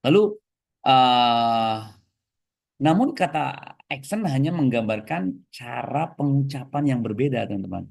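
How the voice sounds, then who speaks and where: Lively Indonesian man teaching a class. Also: medium pitch, unhurried, vocal fry, no echo, studio quality. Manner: lively, switches between explaining and prompting the class. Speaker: English teacher. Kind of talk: classroom lesson.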